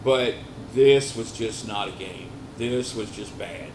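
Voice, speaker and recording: A man co-hosting a cigar lounge podcast, talking with a cigar in his mouth, rambling with many pauses. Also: lowish voice. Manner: rambling, hesitant, lots of uh and you know. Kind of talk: casual sports chat. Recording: echoey room with loud background noise.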